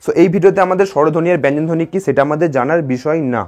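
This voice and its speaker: A quick-speaking man gives a grammar class to young pupils. His voice sits a little high, and he keeps repeating key terms and checking "all right?" as he goes. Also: darkish tone. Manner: repetitive, checks in with "ঠিক আছে?" often. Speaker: teacher. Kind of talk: classroom grammar lesson to children.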